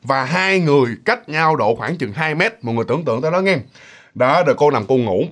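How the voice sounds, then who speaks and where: Animated male storyteller. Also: a little high, quick pace. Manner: animated, repetitive, addresses listeners. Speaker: ghost story narrator. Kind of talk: spoken ghost story.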